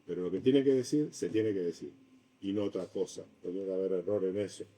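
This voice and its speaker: A man giving a university design lecture in a classroom, lively and acting out his examples. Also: low voice, brisk, recorded from a distance, poor audio. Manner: animated, acts out examples with shifting voice. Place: lecture room.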